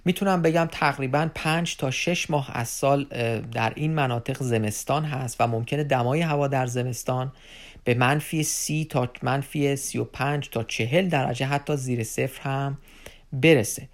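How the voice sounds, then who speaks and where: A man giving an unscripted informational talk to viewers as an advisor, addressing them as friends and pausing often on fillers. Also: medium pitch. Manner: unscripted explaining with many filler pauses.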